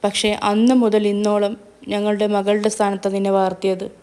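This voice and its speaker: A solemn middle-aged father who chooses his words slowly and holds back sorrow, voiced by a woman narrator. The delivery stays level and restrained, close to her own plain reading voice, in a storybook telling. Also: medium pitch, flat delivery, dark tone, close to an everyday voice. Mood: sorrowful. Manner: slow, grave, restrained.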